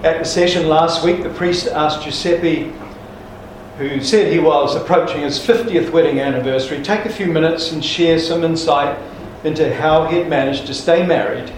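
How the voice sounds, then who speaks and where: Man preacher, folksy and emphatic, higher pitch, distant mic in an echoey church hall. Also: moderate pace, a little hiss or hum. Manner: folksy joke-telling with restarts, emphatic. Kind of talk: sermon with jokes.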